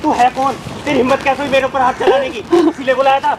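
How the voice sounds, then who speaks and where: A man's voice: very high-pitched, animated, fast, crowd noise. A man playing a resentful adult stepson who answers back defiantly and accuses his stepmother, outdoors on a street. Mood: indignant.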